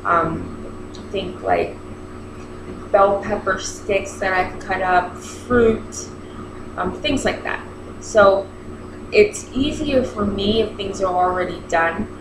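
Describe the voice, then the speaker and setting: A woman's voice: medium pitch, slow pace, long pauses. Woman talking with braces, echoey noisy room. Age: 30s. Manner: rambling, self-interrupting, animated retelling with quoted dialogue. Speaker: vlogger. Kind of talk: casual chat to camera. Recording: echoey room with clear background noise.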